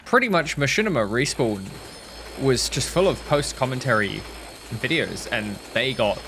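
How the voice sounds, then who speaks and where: A man's voice: medium pitch, expressive, moderate pace, bright, forceful tone, a little hiss or hum. Rambling, sweary man on a headset. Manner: rambling, sweary, self-mocking. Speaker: gaming YouTuber. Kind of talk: casual commentary over gameplay. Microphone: headset mic.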